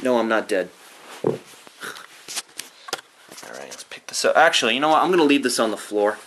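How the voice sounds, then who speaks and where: A man's voice: medium pitch, very animated, moderate pace, fairly bright tone, slight background noise. A young man casually talking through an unboxing in his bedroom, rambling, thinking aloud and swearing offhandedly. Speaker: YouTuber doing an unboxing.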